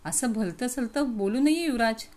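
A woman's voice: fairly high pitch, normal speed, lightly acted. Woman reading a fond, fearful palace maid. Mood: hushed. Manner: gentle, coaxing, hushed.

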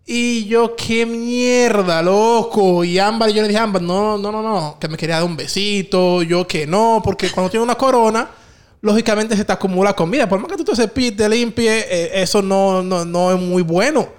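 A man telling a story in casual chat, slangy and relaxed, acting out what he said. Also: high-pitched, moderate pace, smooth. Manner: relaxed, slangy, acts out his own quotes.

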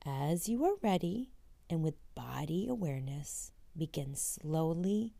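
A woman leading a guided meditation in a gentle, unhurried way, her voice breathy and drifting toward a near-whisper. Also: low voice, animated, no echo. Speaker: podcast host and meditation guide.

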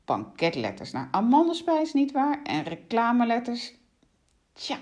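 A woman playing a fussy male huntsman, high and strained, loud exclamations, storybook reading. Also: huge pitch swings, measured pace. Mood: evasive. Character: flustered male huntsman on horseback, evasive.

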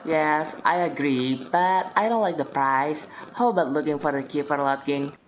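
A woman's voice: deep voice, normal speed, close to an everyday voice, poor audio. A young woman with an Indonesian accent playing a self-assured friend who organises things, in a recited English dialogue. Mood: practical. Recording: noticeable background noise.

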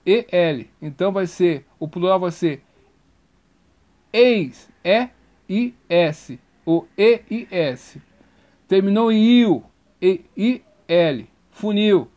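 A man's voice: high voice, darkish tone. A man teaching a grammar lesson, spelling out letters and repeating each rule.

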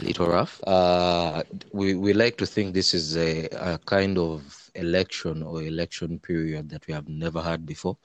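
A man with a very low voice and an East African accent from Uganda speaks as an interview guest. He gives measured, hesitant answers, often doubling back on words. The sound is dry and close. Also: no echo. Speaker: interview guest, human rights lawyer.

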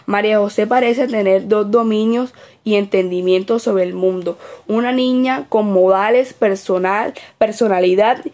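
A woman's voice: mid-range voice, fairly even intonation, moderate pace, a little mellow. A woman reading aloud her written observation report as a student observer, with small slips and self-corrections.

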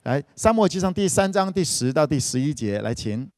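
A man's voice: fairly high pitch, very animated, brisk, darkish tone, no echo, clean studio sound. A man preaching in a casual, storytelling way, retelling a scripture story playfully with frequent interjections. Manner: chatty, retells scripture scenes playfully, sprinkles "OK".

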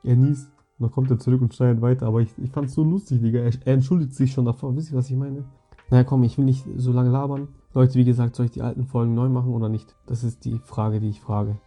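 A man's voice: mid-range voice, little pitch movement, fast, mellow, faint music behind. A young man hosting a podcast alone, telling stories casually in slang. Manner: slangy, rambling, addresses listeners directly. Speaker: podcast host. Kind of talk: casual storytelling monologue.

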